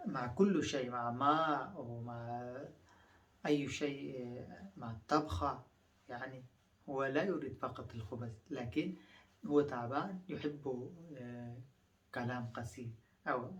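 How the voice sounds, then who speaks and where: A man from Afghanistan, a native Pashto speaker, leads a phrase-by-phrase language lesson at an ordinary middle pitch. He repeats each phrase several times and explains it patiently, with many filler sounds. His voice sits a little back from the microphone. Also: measured pace, pauses often, recorded from a distance. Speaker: language teacher.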